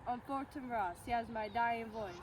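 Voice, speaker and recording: A woman playing a dying young prince in an amateur Shakespeare scene, speaking in a faint, halting deathbed voice. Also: fairly high pitch, lightly acted. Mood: fading, dying. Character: dying young male prince, tragic stage duelist. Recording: clear outdoor traffic noise, distant at times.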